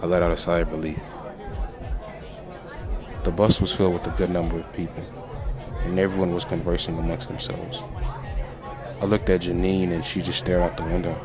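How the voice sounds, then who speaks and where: Deep-voiced man narrating a horror story. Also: flat delivery, a little fast, long pauses. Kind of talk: first-person horror narration. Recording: lo-fi with music and crowd sound.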